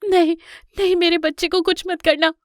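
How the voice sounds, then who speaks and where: A woman voicing a loving, desperate mother lioness in a cartoon story, pleading urgently and loudly. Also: fairly high pitch, level tone, normal speed, no room sound, clean studio sound, close to an everyday voice.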